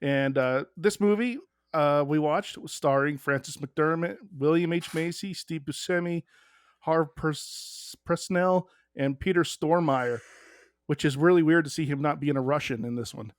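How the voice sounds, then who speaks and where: A man's voice: on the high side, a little slow, no echo, studio quality. A man hosting a podcast in an easygoing casual chat. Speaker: podcast host.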